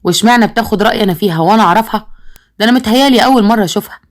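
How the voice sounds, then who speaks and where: An earnest young Egyptian man who gives way to his father's wishes, as a woman storyteller reads him. He speaks very quickly and agreeably. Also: medium pitch, natural voice. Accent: Egyptian Arabic. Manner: earnest, compliant.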